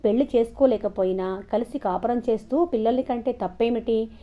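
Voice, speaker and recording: A woman's voice: mid-range voice, moderate pace, lightly acted. A woman voicing a defiant, taunting young woman who argues with her lover, in a dull lo-fi recording.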